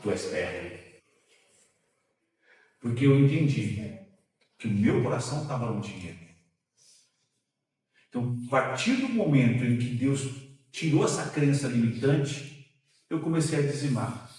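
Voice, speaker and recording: A man preaching a sermon as pastor, telling a personal testimony in an animated, storytelling way, heard in a church sanctuary. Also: mid-range voice, a little slow, pauses often. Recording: very echoey church hall, distant mic.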